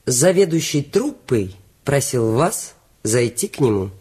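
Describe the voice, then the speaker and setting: A man voicing a cool, stern theatre secretary in an audiobook, speaking quietly and curtly. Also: mid-range voice, big pitch swings, a little slow, husky, heavily acted. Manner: quiet, dry, curt.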